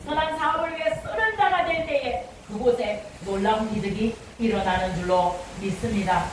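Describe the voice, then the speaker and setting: High-voiced woman preaching in an echoey hall. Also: normal speed. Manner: fervent preaching with rising exhortations. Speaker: pastor. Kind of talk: sermon. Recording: echoey hall from far off, light noise.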